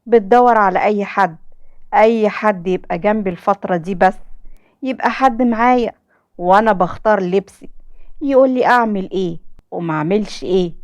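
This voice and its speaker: A woman's voice: mid-range voice, brisk, no room sound. A young woman with an Egyptian accent narrating a dramatic first-person story in an emotional, heartfelt way. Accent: Egyptian Arabic.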